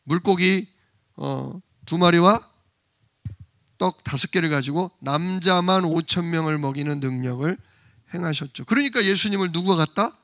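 A man's voice: on the high side, normal speed, no room sound, studio quality. A male pastor preaching a sermon, telling a parable with acted-out voices and asking his listeners questions. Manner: animated storytelling, acts out parable voices, asks the congregation questions.

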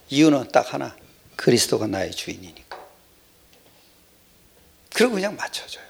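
An older man delivers a sermon with a rough, gravelly, somewhat husky voice. His pitch rises and falls a great deal and sits a little high for a man. He rambles conversationally, shifting from loud exclamations to hushed, whispered asides. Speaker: preacher.

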